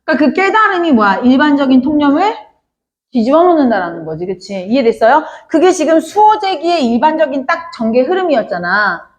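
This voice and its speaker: A woman teaches a literature class in a high, lively voice that jumps all over as she explains. She keeps turning to her students with quick questions to check that they follow. The sound is a bit muffled and lo-fi. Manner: addresses students often, asks many check questions. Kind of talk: classroom lecture.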